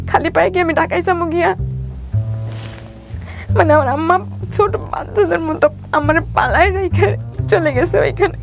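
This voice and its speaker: Speaking in a very high voice with vocal fry, a woman with a Bangladeshi Bengali accent recounts her life as an interview guest. She talks colloquially and voices the reported dialogue herself.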